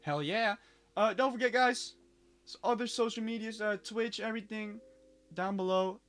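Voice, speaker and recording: A man's voice: high voice, normal speed, a bit bright, faint music behind. A young man hosting a casual reaction video, joking and rambling with frequent restarts. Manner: joking, rambling, self-interrupting. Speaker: host.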